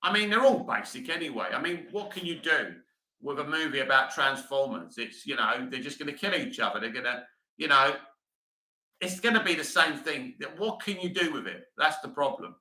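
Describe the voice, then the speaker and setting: A middle-aged man holds forth on a casual livestream, reading out viewer comments and answering them with blunt opinions. His voice is bright and sharp and sits a little high for a man. The room around him is echoey. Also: lively intonation, normal speed. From England. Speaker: livestream host reading chat.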